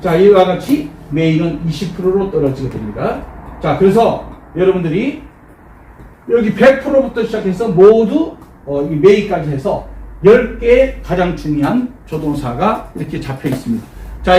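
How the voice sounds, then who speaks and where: A man teaching an English lesson to a class, repeating phrases slowly and cueing the group to answer back. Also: high-pitched, a little mellow. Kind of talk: classroom lecture with call-and-response drills. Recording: echoey room, distant mic, faint noise.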